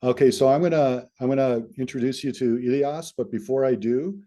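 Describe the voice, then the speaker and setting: A man hosts a video call, pausing often and leaning on fillers as he introduces people. His voice is very dark and mellow, at an ordinary pitch. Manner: hesitant, filler-heavy. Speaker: host.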